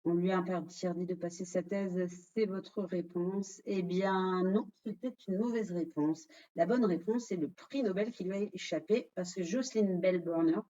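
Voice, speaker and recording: French woman hosting a lively webinar quiz. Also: lowish voice, normal speed, few pauses, lo-fi sound. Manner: lively, addresses the audience directly, asks and answers quiz questions. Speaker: webinar presenter running a quiz. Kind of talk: interactive online quiz presentation.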